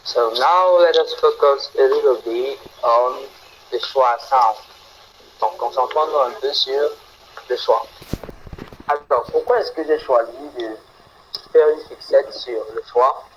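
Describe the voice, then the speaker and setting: Brief: male pronunciation teacher on a video call, slow and deliberate, faint background hiss. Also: mid-range voice, a bit bright, highs cut off. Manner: slow, repeats example words deliberately. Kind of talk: online phonetics lesson.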